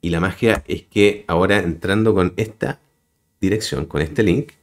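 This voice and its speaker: In a voice-over for a screen-recorded web tutorial, a deep-voiced man speaks at normal speed. As the host, he talks directly to viewers and walks them through each step.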